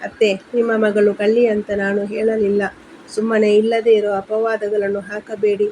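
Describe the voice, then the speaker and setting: A woman's voice: mid-range voice, flat delivery, moderate pace, dark tone, a little hiss or hum, lightly acted, poor audio. A woman voicing an angry young wife who argues back firmly against her mother-in-law. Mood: indignant. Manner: firm, indignant arguing.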